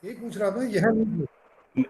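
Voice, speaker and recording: A man's voice: sits high, normal speed, crowd noise. A man in a study group asking questions over a bad call connection that keeps cutting out. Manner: questioning, brief replies. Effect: voice breaking up on a bad call connection. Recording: noisy, dropping call line.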